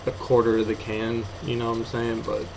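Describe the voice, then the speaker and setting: An eighteen-year-old man giving a casual, rambling, offhand video review in a hesitant, low-key way, talking slightly muffled with a lip full of dip. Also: monotone, fairly quick, vocal fry. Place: apartment bedroom. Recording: noisy room sound.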